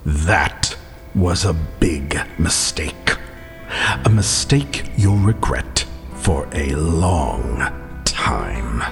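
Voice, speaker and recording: Menacing villain, a deep rasping growl, drags every threat out slowly. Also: male voice, lively intonation, over music, heavily acted. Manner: slow, drawn-out threats. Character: menacing older male boss, angry and threatening. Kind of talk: audio drama storytelling.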